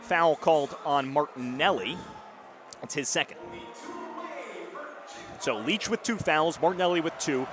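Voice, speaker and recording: Courtside at a basketball arena, an early-twenties radio announcer calls live play-by-play in short, punchy phrases. His fairly high voice is unhurried with long pauses, and music plays behind the loud crowd, court noise and bouncing basketball.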